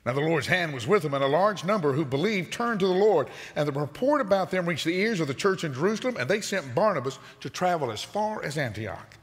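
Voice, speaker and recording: An older man preaching a sermon as pastor, animated and moving about the stage in a large church auditorium. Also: fairly high pitch, brisk, few pauses. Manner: animated preacher, gesturing while pacing the stage. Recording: long reverb of a large sanctuary.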